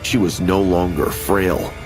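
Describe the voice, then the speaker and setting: A man giving steady, ominous scripted narration of a horror story, with music behind. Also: sits low, slow. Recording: animation audio with background music.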